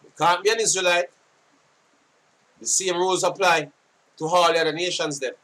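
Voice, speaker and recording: A Jamaican man giving casual sitdown commentary on scripture, forceful and scolding, often repeating himself. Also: high-pitched, fairly even intonation, moderate pace, recorded from a distance. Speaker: religious commentator.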